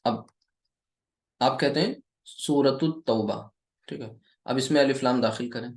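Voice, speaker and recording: A man with a medium-pitched voice, recorded in an echoey room, gives a classroom-style Arabic grammar lesson at a board. An Urdu or Hindi native speaker, he delivers it slowly and deliberately, asks the viewer questions before answering them himself, and says "okay" over and over as a check.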